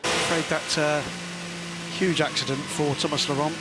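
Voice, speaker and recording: Halting, higher-voiced man commentating over loud cars. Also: flat delivery, vocal fry. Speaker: motorsport commentator. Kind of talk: live race commentary. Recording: very loud car and outdoor noise. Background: race cars.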